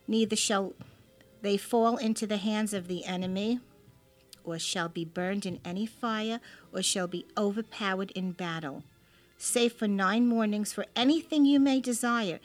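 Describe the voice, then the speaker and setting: A woman's voice: mid-range voice, unhurried, soft background music. A woman talking about faith and reading devotions on a talk show, with an emphatic manner. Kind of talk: casual religious talk and prayer reading.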